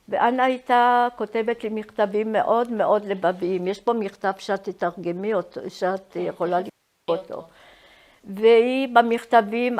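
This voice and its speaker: A woman in her eighties sharing personal memories in a reminiscing style, often halting to search for words. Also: mid-range voice. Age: 80s. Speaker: Holocaust survivor giving testimony.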